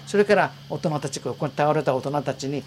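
A woman's voice: sits low, fairly quick, a little mellow, a little hiss or hum. Earnest elderly woman recounting memories. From Okinawa, Japan. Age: 80s. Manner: vivid, earnest, re-enacts voices and calls. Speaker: war survivor giving testimony. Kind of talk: personal storytelling in an interview.

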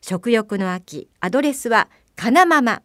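Woman radio host, playful bar mama vibe, kinda high, very bouncy intonation. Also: animated, a bit bright, dry recording, clean studio sound. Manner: chatty and playful, drawn-out fillers. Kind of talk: late-night radio talk as a bar mama.

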